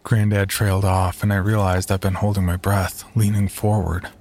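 A man narrating a first-person horror story in a measured, storytelling tone. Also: low voice, level tone, a little mellow, slight background noise.

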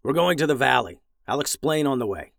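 A man voicing a stern, gruff old male gray dragon who gives curt commands. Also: mid-range voice, expressive, fairly quick, fairly bright tone, no echo, studio quality. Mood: serious.

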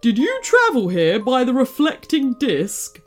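A woman's voice: high voice, wildly swooping pitch, measured pace, faint music behind, pitched above the performer's own voice, heavily acted. A woman voicing a small, brave male cotton dog who speaks urgently and emphatically.

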